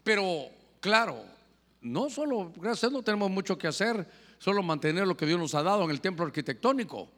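A man delivers a sermon in a bright, high voice, calling out to his listeners and questioning them. He swings between loud emphasis and hushed asides. The long reverb of a hall carries his voice. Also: big pitch swings, fairly quick. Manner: addresses listeners as brother, asks questions. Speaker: preacher.

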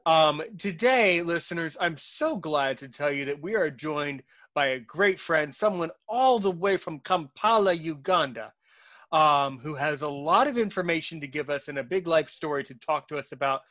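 A man's voice: fairly high pitch, expressive, moderate pace, bright, forceful tone, dry recording. A man hosting a podcast, introducing his guest in a chatty, loose way, stumbling over words at times. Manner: chatty, loose, repeats himself while searching for words. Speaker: podcast host. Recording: dull, lo-fi, dry sound.

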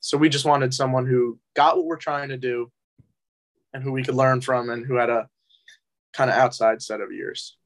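A man's voice: medium pitch, fairly even intonation, normal speed. A young man from New Jersey, a musician guest, chatting in an easygoing, hesitant way with many fillers. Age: young adult. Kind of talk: casual interview chat.

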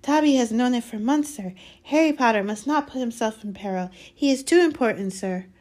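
A woman voicing a small, excitable male house-elf in a storybook, squeaky, reverent and fearful, speaking of himself in the third person. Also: a little fast, lightly acted. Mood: troubled, urgent. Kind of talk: dramatised storybook reading.

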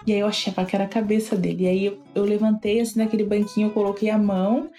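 A woman's voice: mid-range voice, level tone, rapid-fire, warm tone, soft background music. A young woman chatting through a personal story, rambling and leaning on little fillers. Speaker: interviewee.

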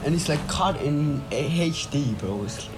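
A man's voice: fairly high pitch, animated, measured pace. A young man from Indonesia chatting and telling stories casually in slangy frat-bro talk full of bro and dude. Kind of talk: casual chat and storytelling. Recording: music playing behind the voice.

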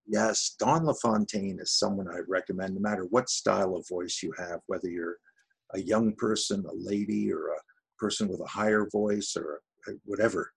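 Gravelly, husky retired man chatting. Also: low-pitched, moderate pace. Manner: rambling, self-deprecating, with frequent restarts. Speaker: voice-over artist guest. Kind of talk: casual interview chat.

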